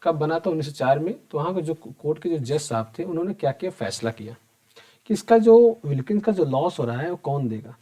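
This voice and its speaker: Quick, lively and warm, this man's slightly high voice carries an exam-prep accounting lesson. He addresses his students in a conversational way, asking them questions, supplying the answers himself, and hammering home the main points again.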